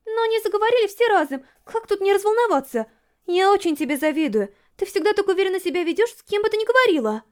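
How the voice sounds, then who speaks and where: A woman's voice: very high-pitched, very animated, fast talker, pitched above the performer's own voice. A woman putting on a bubbly shy schoolgirl. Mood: flustered admiring. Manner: eager and chattering. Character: shy, bubbly teenage schoolgirl who cooks.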